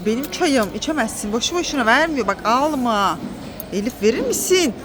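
A mother filming a family vlog with her children around a car, talking in an animated, excitable way and shouting urgently during pretend chase games. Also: on the high side, a little fast, over music. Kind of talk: family vlog play-acting with kids.

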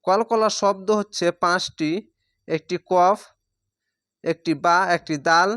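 High, clear-voiced man spelling out syllables. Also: steady tone, fairly bright tone, no echo, studio quality. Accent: Bangladeshi Bengali. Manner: slow syllable-by-syllable spelling, drawn-out vowels. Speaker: Quran reading teacher. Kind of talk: spelling-out recitation lesson.

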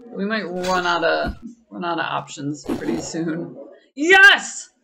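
A woman's voice: fairly low pitch, steady tone, measured pace, gravelly, noisy background. A woman chatting through a video game as its streamer, playful and wry, often exclaiming.

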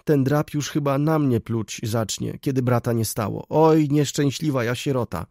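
A man's voice: mid-range voice, animated, unhurried, mellow, no echo, studio quality, voice pushed up. A man voicing a tearful, self-pitying elderly aunt in an audiobook, with a wailing, plaintive delivery. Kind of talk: audiobook character reading.

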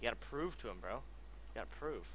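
A man live-streams a game, chatting casually and ordering his viewers around in excitable, profane bursts. His voice is medium-pitched and fast, with a little hiss or hum in the audio.

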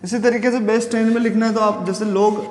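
Physics teacher, man, high voice, asks the class questions as he explains, roomy reverb. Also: steady tone. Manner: explains step by step with questions to students; chants Sanskrit verses slowly. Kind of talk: classroom lecture.

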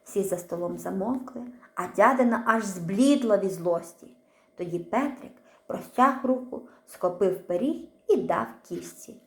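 A woman reading a children's story aloud, acting out the characters with an expressive voice. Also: mid-range voice, a little slow, reverberant.

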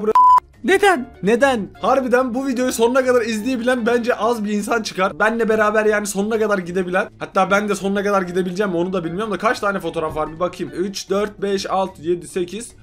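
A man hosting a reaction video, commenting on photos in a casual, exasperated and joking way, often laughing. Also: sits high.

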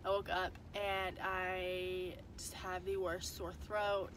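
Her lowish voice barely moves in pitch and comes slowly, with background noise behind it. She's a young woman vlogging about family life, talking to a phone held at arm's length inside a parked car while stuffed up with a cold, sounding tired and rambly.

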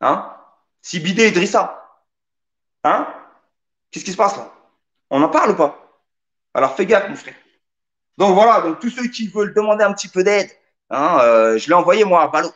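A man's voice: sits high, expressive, moderate pace, pauses often, fairly bright tone, highs cut off. A man hosting a live radio show, joking and teasing while reading out the chat. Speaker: radio host.

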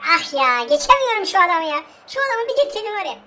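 High, excitable woman ranting at a game. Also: fast. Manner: excitable, groans and rants loudly at the game; talks straight to viewers, over and over. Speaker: gaming channel host. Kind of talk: casual let's-play commentary.

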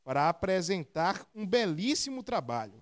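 A male reporter with a northeastern Brazilian accent reading a news voice-over in a measured tone. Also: sits high, big pitch swings, heavy background noise. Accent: Brazilian Portuguese, northeastern. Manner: measured, read script.

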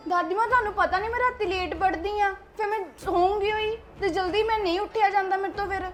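A woman's voice: very high voice, fast talker, fairly bright tone, faint music behind. A young woman acting a defiant college-going granddaughter who talks back to her grandmother. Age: young adult. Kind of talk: web-series family drama acting.

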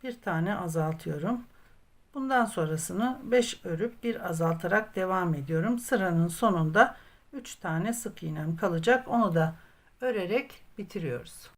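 A woman hosts a craft tutorial, narrating each step patiently and methodically and counting aloud. Her voice is on the low side, with lively intonation and a slightly slow pace.

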